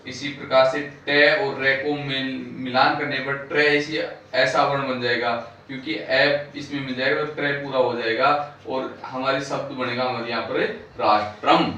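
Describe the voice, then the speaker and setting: A man teaching a class, sounding out syllables slowly one by one and explaining the words they build. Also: mid-range voice, flat delivery, pushed and bright, slight background noise. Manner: slow, drawn-out syllable-by-syllable pronunciation. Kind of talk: classroom lesson. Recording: echoey room, voice far from mic.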